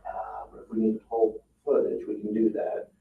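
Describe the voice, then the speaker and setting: A town staff member presents to a board in an indoor public meeting room, explaining things informally and sometimes hesitating over his phrasing. His gravelly voice is lowish and monotone, at a moderate pace. The audio is muffled and hissy, picked up by a distant mic in an echoey room.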